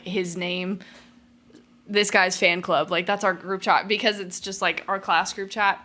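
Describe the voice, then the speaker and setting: A woman's voice: mid-range voice, sharp tone. A young adult woman talking as a podcast guest in casual chat, chatty and full of filler words.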